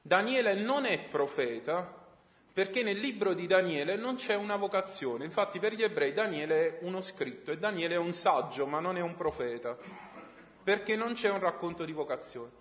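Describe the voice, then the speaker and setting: Lively male teacher in an echoey classroom. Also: high voice, moderate pace. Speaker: religion teacher. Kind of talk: classroom lecture. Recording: echoey room, long reverb.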